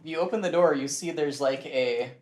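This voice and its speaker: A man's voice: fairly high pitch, moderate pace, slight background noise. Man narrating a game, echoey room. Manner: relaxed, laughs often while narrating. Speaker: game master.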